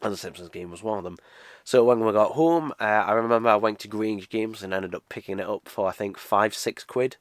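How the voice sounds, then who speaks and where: This lowish, brisk voice belongs to a young British man in his twenties who is nasal from a cold. He talks through a casual game unboxing in a rambling way, stumbling over uhs and restarts, and there's no echo.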